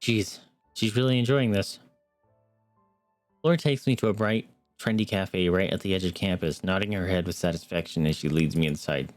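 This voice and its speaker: Young guy streamer with a low voice reading a visual novel out loud, joking asides, dry mic. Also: normal speed, dry recording, soft background music. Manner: earnest reading with wry asides.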